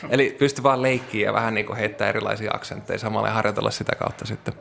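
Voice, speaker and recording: With a low, creaky voice, a Finnish interview guest spins casual travel tales, leaning on plenty of fillers as he goes.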